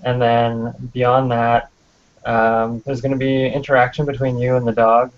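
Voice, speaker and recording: A man being interviewed on a podcast talks about his game, pausing often on ums and uhs. His pitch stays flat and even. The recording sounds dull and lo-fi. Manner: hesitant, many ums and uhs. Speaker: game developer guest.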